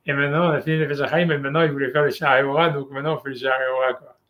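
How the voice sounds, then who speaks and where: A man's voice: medium pitch, fairly even intonation, rapid-fire, fairly bright tone. A middle-aged man in casual chat, rambling with many restarts as he explains his study groups.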